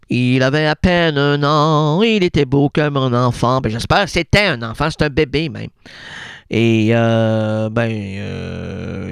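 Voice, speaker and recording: A man's voice: mid-range voice, vocal fry, no room sound, studio quality. A man with a Québécois accent, hosting an absurd comedy monologue on the radio and rambling along as he interrupts himself. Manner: rambling, self-interrupting, talks back to himself. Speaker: radio host. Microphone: radio studio microphone.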